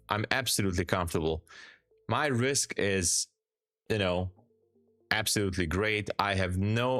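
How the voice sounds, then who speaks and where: Here a Hungarian-accented man with a low voice hosts a calm live stream. He reads viewers' comments out loud and answers easily, frequently repeating words for emphasis, and there's no echo.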